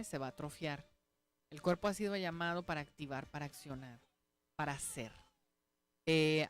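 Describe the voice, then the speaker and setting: In a low voice, a woman pastor delivers a radio sermon and testimony in a conversational, earnest way, frequently checking in with her listeners.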